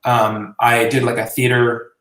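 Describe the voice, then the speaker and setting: A man in his late twenties, a musician and journalist, is being interviewed and rambles casually with plenty of fillers. His mid-range voice is monotone and fairly bright, at a measured pace. He sits far from the mic, so the recording sounds roomy.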